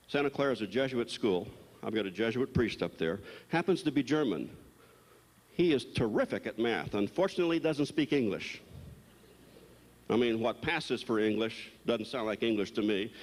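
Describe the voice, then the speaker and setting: A man, a psychologist, giving a blunt, animated storytelling lecture to a live audience. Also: fairly low pitch. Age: older. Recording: long hall reverb, recorded live.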